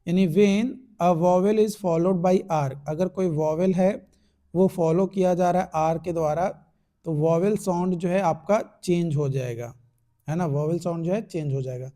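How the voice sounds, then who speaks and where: A young man with an Indian accent teaching English rules in an online exam-prep lesson, explaining each rule slowly in mixed Hindi and English. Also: high-pitched, warm tone.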